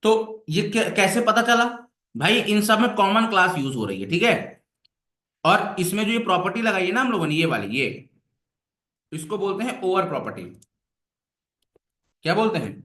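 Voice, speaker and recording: Male web instructor, fairly high voice, coaxing classroom style, echoey room. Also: big pitch swings, normal speed, pauses often, bright, forceful tone. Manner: coaxing, repeats questions to the class. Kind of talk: classroom coding lesson.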